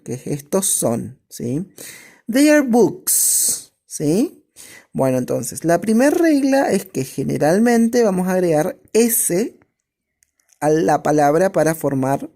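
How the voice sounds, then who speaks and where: Slow, patient woman teaching a class. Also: fairly low pitch, warm tone. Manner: slow, patient, checks in with constant "¿sí?"; reads English examples, then translates them. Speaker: English teacher. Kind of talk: recorded online class explaining grammar.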